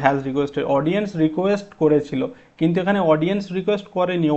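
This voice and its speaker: Man, English teacher, exam-prep grammar lesson, slightly high voice, dull lo-fi sound. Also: a little mellow. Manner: explains step by step, asks students rhetorical questions.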